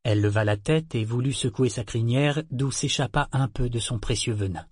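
A man narrating an audiobook in a measured, even storytelling manner. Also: medium pitch, husky, no echo, clean studio sound.

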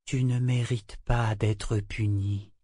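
Guy doing a soft slow wise lady ship in a storybook, a bit higher than his own voice, very dry sound. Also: fairly even intonation, no echo, natural voice. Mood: gentle. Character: wise gentle female living ship.

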